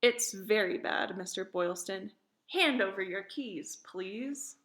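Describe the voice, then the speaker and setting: A woman's voice: mid-range voice, slow pace, a bit bright. A woman reading the part of a bold, stern colonial woman activist in a classroom play, firm and scolding.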